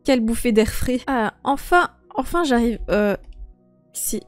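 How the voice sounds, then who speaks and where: A woman's voice: on the high side, expressive, unhurried, faint music behind. A woman voicing a young woman who has just turned eighteen, stammering and emotional as she talks to herself. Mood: anxious. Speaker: host and role-player. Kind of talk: game role-play voice acting.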